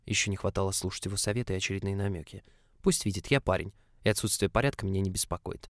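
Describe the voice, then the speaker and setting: A man reading a story aloud as scripted narration in an even, measured way, close to the mic. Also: low-pitched, no room sound. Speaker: audiobook reader.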